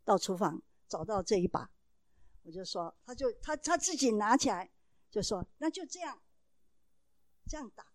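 Expressive woman telling a parenting story. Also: medium pitch, normal speed, pauses often, dry recording. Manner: acts out dialogue in changing voices; earnest, explaining. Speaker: mother giving a parenting talk.

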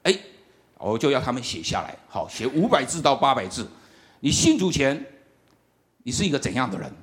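A middle-aged man, giving a lively, humorous sermon testimony and often laughing as he tells the story. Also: mid-range voice, moderate pace. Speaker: campus ministry worker.

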